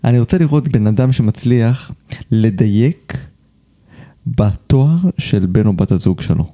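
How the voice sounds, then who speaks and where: A man hosting a podcast, reading a scripted intro in a measured, explanatory way and chatting casually with his guest. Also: fairly low pitch, warm tone, no room sound, studio quality. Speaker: podcast host.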